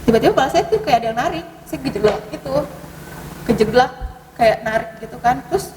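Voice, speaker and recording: A woman telling ghost stories in casual conversation, hesitant, with many fillers and sudden rises in pitch. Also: animated, quick pace. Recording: distant mic, echoey hall, noisy.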